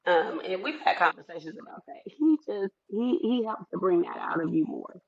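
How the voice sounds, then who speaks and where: A woman's voice: lowish voice, expressive, normal speed, creaky. A woman co-host chatting supportively on a remote call, her voice muffled as if heard through a wall. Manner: supportive, reflective, restarts phrases. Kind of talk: casual chat. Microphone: remote call with a faulty mic. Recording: muffled dull lo-fi call audio.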